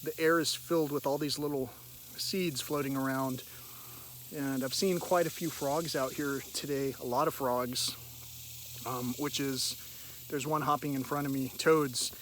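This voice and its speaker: A man vlogging outdoors in a halting, meandering, reflective way, often clearing his throat. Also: mid-range voice, fairly even intonation, a bit bright. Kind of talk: rambling, reflective spoken vlog. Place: outdoors in a park by a river. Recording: hissy outdoor recording with insect noise. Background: cicadas, birds, hiss and nearby traffic.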